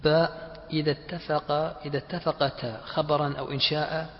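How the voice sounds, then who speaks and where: A man, a student, reading points from a text aloud in class in a steady, listing way. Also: fairly high pitch, a little fast. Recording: muffled recording in echoey hall.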